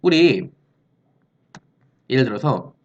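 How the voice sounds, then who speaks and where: A man's voice: mid-range voice, big pitch swings, takes it slowly, a little mellow, lo-fi sound. A man teaching an English grammar lesson, explaining step by step and posing questions he answers himself. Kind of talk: recorded classroom-style lesson.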